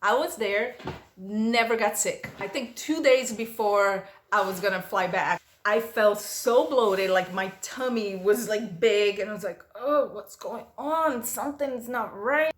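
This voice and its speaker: Unhurried and medium-pitched, a woman whose native language is Portuguese answers questions she reads aloud, chatting and telling stories for a casual vlog. The room is echoey.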